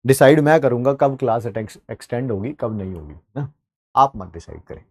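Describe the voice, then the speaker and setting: A male chemistry teacher with an Indian accent runs an online class, chatting straight to his students and slipping English terms into his talk. His voice sits at an ordinary middle pitch. The sound is dry and close, with no room echo. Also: expressive, brisk.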